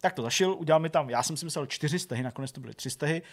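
Rambling, filler-heavy man in his thirties. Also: fairly high pitch. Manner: rambling, constant filler words and restarts. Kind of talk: casual storytelling chat.

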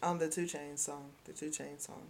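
A woman hosting a podcast in casual gossip chat, excitable and rambling, swinging from loud bursts to hushed asides. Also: low voice, moderate pace, vocal fry. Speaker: podcast host.

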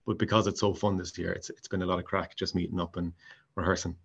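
Talking casually about his amateur drama hobby, this guest from County Mayo has a west of Ireland accent. His low voice is creaky and slightly rough, delivered flat and quickly, over dull-sounding audio.

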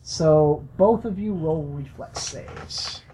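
A game master narrating a tabletop role-playing game for a podcast, in slow, halting speech full of fillers. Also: medium pitch, warm tone, a little hiss or hum, rough recording.

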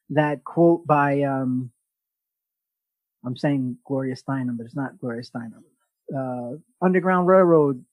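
A man hosting a podcast, giving an energetic motivational talk and often restarting his sentences. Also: a little high, dry recording, poor audio. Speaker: podcast host.

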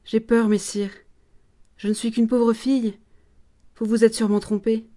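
A woman's voice: fairly high pitch, little pitch movement, moderate pace, mellow, lightly acted. A woman in her thirties voicing an earnest young peasant girl on trial, pleading and indignant.

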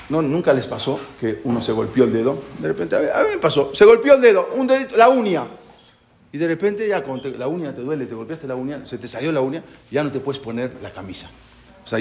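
Male preacher, gravelly, very lively pitch, storytelling sermon. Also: a little hiss or hum. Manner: animated storytelling, repeats phrases. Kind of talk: sermon with a told parable.

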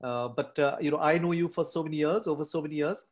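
A man hosting a podcast, asking questions softly with frequent fillers. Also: on the high side, fast. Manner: soft-spoken, many fillers. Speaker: podcast host. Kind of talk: interview questions.

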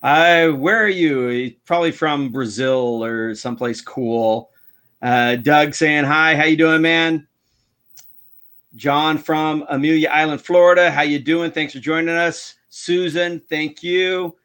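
A man's voice: a little high, steady tone, slow, a bit bright, smooth. Casual American man hosting a stream. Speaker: host of a fishing show. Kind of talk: casual livestream chat.

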